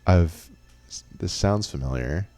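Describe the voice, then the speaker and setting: A man's voice: sits low, lively intonation, a little slow, warm tone, faint music behind. A young man co-hosting a podcast in casual chat, with dry, teasing banter. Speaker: podcast co-host.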